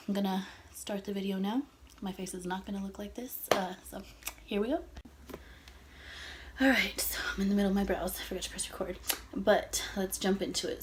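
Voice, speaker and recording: A young woman in her mid-twenties talks casually to camera while doing her makeup in her childhood bedroom. She sounds slightly out of breath and rambles loosely, filling pauses with fillers. Her voice sits at an ordinary middle pitch for a woman. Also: darkish tone, a little hiss or hum. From Texas, USA. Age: 20s. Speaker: beauty vlogger. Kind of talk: get-ready-with-me vlog chat. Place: her old bedroom at home.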